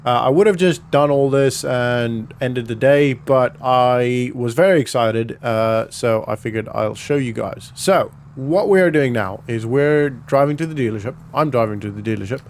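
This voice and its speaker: A man with a medium-pitched voice gives chatty, rambling vlog commentary as a gaming video host while he plays, frequently correcting himself. There is a slight hiss or hum.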